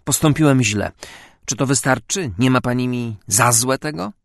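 A man voicing a self-assured, charming gentleman seducer, in a lower, soft, amused tone. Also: normal speed, vocal fry, dry recording, studio quality, close to an everyday voice.

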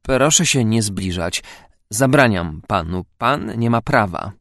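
A man's voice: lowish voice, animated, slow pace, a bit bright, no room sound, studio quality, pitched below the performer's own voice, full character voice. A frightened, pleading young woman, as a man reads her.

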